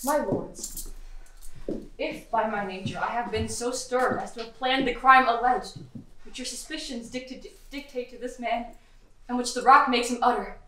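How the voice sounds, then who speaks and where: A woman acting as a proud young noblewoman defending herself at trial, high-voiced and impassioned on a theatre stage. The voice comes from well off the mic, with a big echo around it. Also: moderate pace, a bit bright, slight background noise, natural voice. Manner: impassioned and pleading. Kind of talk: stage acting in a live play. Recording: echoey hall from far off.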